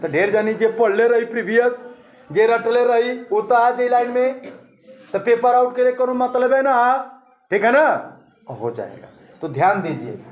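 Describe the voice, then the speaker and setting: A man's voice: very high voice, reverberant. A male coaching teacher, giving a motivational exam-prep lesson and asking and answering his own questions.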